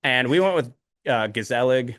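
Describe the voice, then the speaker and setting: A male podcast co-host rambles through a casual chat, full of ums and uhs. His mid-range, fairly bright voice has lively intonation and a moderate pace, recorded in a clean studio with no echo.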